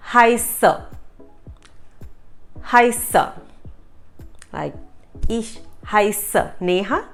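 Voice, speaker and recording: A woman teaching German pronunciation in a slow, careful way, repeating each word for learners. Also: a little high. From India. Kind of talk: pronunciation lesson.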